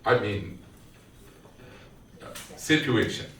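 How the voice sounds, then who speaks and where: A man's voice: lowish voice, expressive, a bit bright. A man from Guyana with a Guyanese accent, giving a devotional sermon at a family prayer gathering and questioning his listeners as he tells a story. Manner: slow storytelling with questions to the audience. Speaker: satsang speaker. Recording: echoey room, distant mic, faint background.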